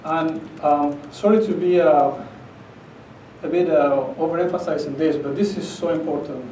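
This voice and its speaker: Speaking at a moderate pace in a mellow, fairly high voice, a middle-aged conference speaker from Argentina talks emphatically and conversationally, often checking in with "okay?". He has an Argentine Spanish accent. The distant recording comes from an echoey conference room with a projector screen and has slight background noise.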